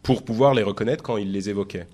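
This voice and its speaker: A man's voice: lowish voice, fast talker, darkish tone. A man hosting a tech podcast in casual chat, talking with many fillers and restarts. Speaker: podcast host.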